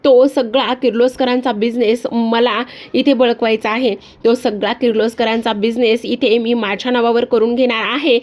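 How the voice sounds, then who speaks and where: A woman's voice: a little high, fairly even intonation, moderate pace, hardly any pauses, a little mellow, close to an everyday voice. Woman reading as Disha, a defiant schemer. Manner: defiant, mocking. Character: scheming young woman grabbing family wealth.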